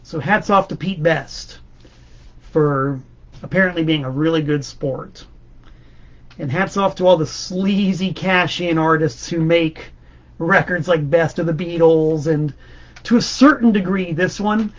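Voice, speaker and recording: A man's voice: fairly high pitch, unhurried, muffled recording. A man hosting a casual monologue about records, enthusiastic and rambling, with emphatic repeats. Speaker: host.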